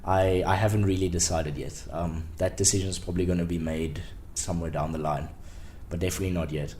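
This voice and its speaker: A young man in his twenties, a startup founder, chats casually as a podcast guest in an interview. His low voice moves fairly quickly, and he's relaxed, rambling with lots of ums and restarts. There's slight background noise.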